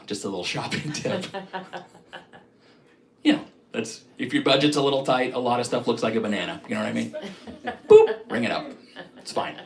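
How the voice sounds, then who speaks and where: A middle-aged man performs stand-up for a live stream, making fun of himself and jumping into quick voices for shoppers and clerks. His pitch sits in the ordinary middle range. The room gives his voice a noticeable echo. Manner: self-deprecating, acts out shoppers and clerks in quick asides. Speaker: stand-up comedian.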